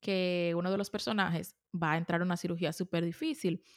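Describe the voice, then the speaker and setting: A woman hosting a casual conversation, asking questions and telling anecdotes in a lively way. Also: on the low side, fairly quick. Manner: animated storytelling with laughs. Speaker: host. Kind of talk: casual interview chat.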